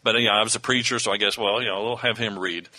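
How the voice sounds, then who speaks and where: A man's voice: on the low side, fairly even intonation, fast talker, sharp tone, rough recording. A man co-hosting a casual podcast chat, rambling through stories and drifting off topic. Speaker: co-host.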